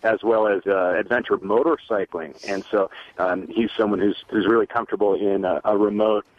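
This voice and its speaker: A relaxed man with a lowish voice tells a long travel story and fills his pauses with um and uh. The sound is dull and lo-fi, like a phone line into a radio show, and very dry. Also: no echo. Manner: easygoing, many um and uh fillers. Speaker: fly-fishing outfitter guest. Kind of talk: casual recounting of a trip.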